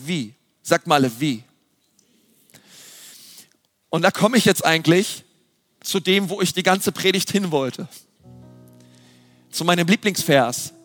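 A man giving a lively, emphatic sermon with dramatic questions. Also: high voice. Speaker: preacher.

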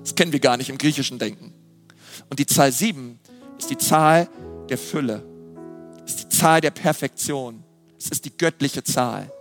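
A man giving a lively, emphatic sermon with dramatic questions. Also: medium pitch, normal speed, long pauses, soft background music. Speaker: preacher.

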